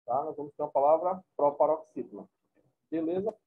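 Husky-voiced male teacher lecturing class. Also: a little high, brisk. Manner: informal, repeats points, checks in with "tá?". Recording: tinny phone-like recording.

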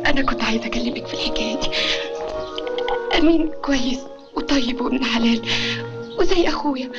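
A timid, lovesick young woman falters and pleads in a high Egyptian Arabic voice. The old film recording is dull and muffled, with a loud score underneath. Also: fast, loud music behind the voice. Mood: pleading. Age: young adult. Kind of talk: classic film acting.

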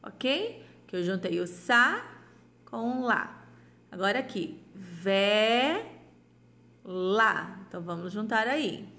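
A woman teaching young children in a gentle, affectionate way, sounding out syllables slowly and checking in often. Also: medium pitch. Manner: affectionate and sing-song, with diminutives and frequent "ok?" check-ins. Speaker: primary school teacher. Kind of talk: slow, gentle remote lesson for young children.

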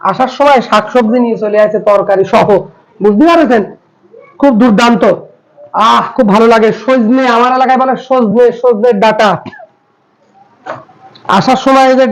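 Chatty high-voiced male family vlogger. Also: low-quality recording. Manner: chatty, teasing, repeats a catchphrase. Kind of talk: casual family vlog.

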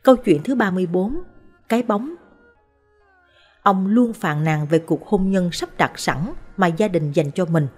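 A woman narrating short life stories in a calm, measured, scripted way. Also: fairly low pitch, breathy edge. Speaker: storyteller. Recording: soft background music.

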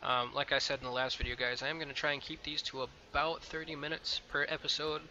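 A man's voice: mid-range voice, little pitch movement, fast talker, sharp tone, lo-fi sound, a little hiss or hum. A man hosting a let's play, talking casually over his game with frequent ums and a loose, rambling manner. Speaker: gameplay video host. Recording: game music playing behind.

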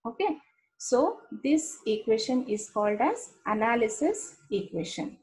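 Indian-accented woman lecturing, higher voice. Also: sing-song, a little slow, a little mellow, rough recording. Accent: Indian English. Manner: explanatory, frequent "okay" checks, repeats terms. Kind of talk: engineering lecture.

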